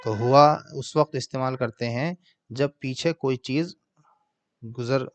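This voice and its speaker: Patient man teaching Arabic grammar. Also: medium pitch. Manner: slow, patient word-by-word translation. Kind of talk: online Arabic grammar lesson in Urdu.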